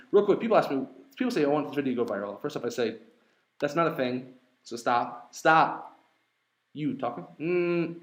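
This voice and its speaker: A young man hosting a live webinar, talking energetically and conversationally, with frequent fillers and quick asides. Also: on the high side, darkish tone, reverberant, low-quality recording. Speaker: webinar host and speaker.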